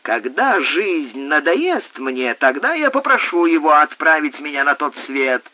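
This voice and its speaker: A man voicing a blustering, rude male sea captain in an audiobook, loud and swaggering with curses, on a tinny recording. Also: fairly high pitch, big pitch swings, unhurried, dry recording. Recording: tinny phone-like dry sound.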